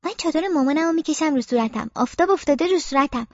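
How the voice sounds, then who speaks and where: Female audiobook reader narrating as a young girl; expressive, childlike, high and animated; dry, slightly dull recording. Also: no room sound. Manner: childlike, expressive, playful sound effects. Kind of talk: first-person story narration as a young girl.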